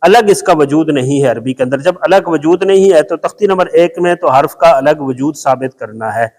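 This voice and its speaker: A man's voice: a little high, a little mellow. A man teaching a Quran reading lesson, explaining patiently with emphatic repetition. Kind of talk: classroom lesson explaining Arabic letters. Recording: long hall reverb.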